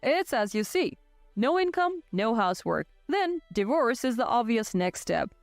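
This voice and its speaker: A woman reading the lines of a cold, domineering young husband who barks short, bossy orders. The voice sits fairly high and dry, close to the mic with no room sound, and soft music plays behind it. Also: big pitch swings, a little slow, dry recording. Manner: curt and bossy. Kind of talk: scripted storytelling.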